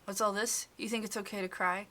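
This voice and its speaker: A woman's voice: mid-range voice, level tone, fairly quick, pushed and bright, slight background noise, voice pushed up, close to an everyday voice. A woman voicing a stern older woman who harshly scolds a kneeling girl. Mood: scolding. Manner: condescending, harsh and demanding.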